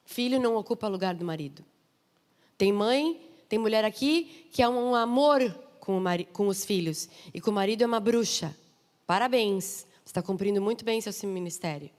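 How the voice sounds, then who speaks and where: A woman's voice: mid-range voice, darkish tone. A woman with a Brazilian Portuguese accent preaching from the pulpit, her voice sitting in a middle register. She tells stories with humor and drives her points home with emphatic asides. The sound rings with the long reverb of a big hall. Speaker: missionary preacher. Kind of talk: sermon.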